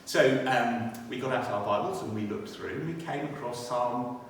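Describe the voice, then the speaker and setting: A British man with a medium-pitched voice speaks at a normal pace, giving a personal testimony and reading scripture inside a church. The recording sounds distant, with the echo of a church hall and faint background noise.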